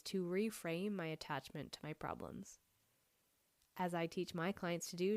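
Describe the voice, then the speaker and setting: A woman's voice: lowish voice, smooth, no echo. A woman hosting a self-help podcast, congested at the tail end of an illness and speaking in an earnest, candid way. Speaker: podcast host and health coach.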